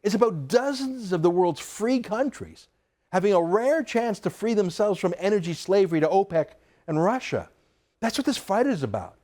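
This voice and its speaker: A male TV commentator delivers a combative opinion monologue with a fairly high voice that swings widely in pitch. His delivery is emphatic and sarcastic, pressing each point hard. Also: very animated, normal speed, a little mellow.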